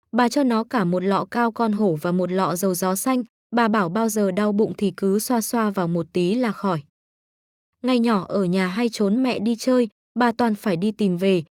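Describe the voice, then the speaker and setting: A woman narrating a storybook calmly and wistfully. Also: medium pitch, no echo, studio quality. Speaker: audiobook narrator.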